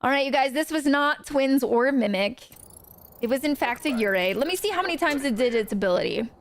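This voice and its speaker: A woman's voice: high voice, animated, a little fast, slight background noise. A young woman streaming a ghost-hunting game, chatting casually and greeting viewers by name. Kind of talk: casual livestream chat while gaming.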